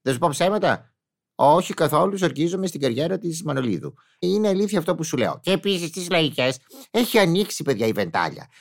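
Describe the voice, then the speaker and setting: A man's voice: on the high side, sing-song, vocal fry. A man delivering a casual comic monologue in a chatty, exclamatory way, with mock-indignant asides.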